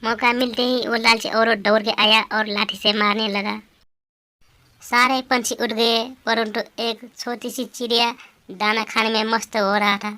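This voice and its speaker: A woman narrating a children's story in a flat, repetitive telling. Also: fairly high pitch, unhurried.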